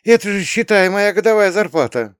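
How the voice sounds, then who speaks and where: This is a man putting on an excitable middle-aged Soviet mother who exclaims everything. Her voice leaps high with wild swings. The sound is close and dry, with no room. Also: normal speed, clean tone, no room sound. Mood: amazed. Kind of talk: audiobook character reading.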